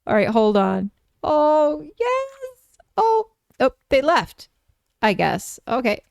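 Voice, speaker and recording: Woman, game streamer, gushing, high animated voice, excitable chat. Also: slow, gravelly, dry recording, clean studio sound. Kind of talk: casual live gameplay commentary.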